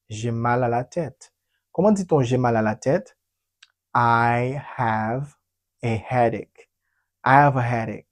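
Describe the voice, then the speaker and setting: A man gives a bilingual English lesson at an unhurried, measured pace, drilling each phrase several times. His voice sits at an ordinary middle pitch, and he keeps checking in with his learners. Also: darkish tone. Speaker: English teacher.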